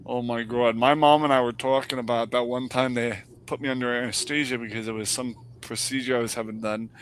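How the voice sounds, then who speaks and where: A man hosts a casual streamed chat with a bright, forceful voice. He tells animated stories and swears freely. A faint hiss runs behind him. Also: medium pitch, brisk, low-quality recording. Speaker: streamer and podcast host.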